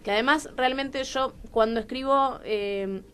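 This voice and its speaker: A guest playwright with a Rioplatense Argentine Spanish accent talks frankly in a radio studio interview, her high-pitched, fairly bright voice moving at a measured pace over soft background music. She voices doubts to herself and performs snippets of dialogue.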